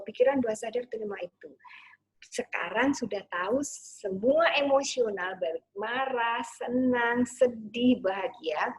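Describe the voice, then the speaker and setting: A woman parenting coach giving a gentle online talk, sometimes acting out soothing words to a child. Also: on the high side, slightly rough.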